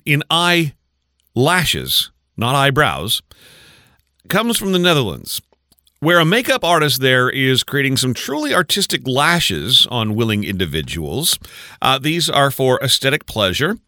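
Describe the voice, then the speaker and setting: An animated man co-hosting a radio show, his voice bright and forceful and swinging widely in pitch. He talks in chatty, casual banter and laughs easily. The studio sound is dry and close. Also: no echo. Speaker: radio co-host.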